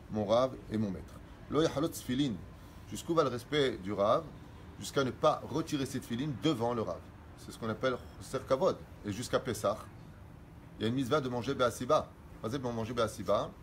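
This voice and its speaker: A middle-aged man, a rabbi, teaching religious law and explaining quickly read Hebrew sources in French. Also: medium pitch, a little hiss or hum.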